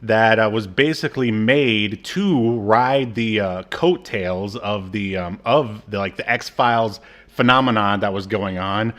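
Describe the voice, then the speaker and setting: A man in his thirties co-hosts a casual podcast, rambling with lots of fillers and restarts. His voice is lowish and a bit bright, and he talks a little slowly with hardly any pauses.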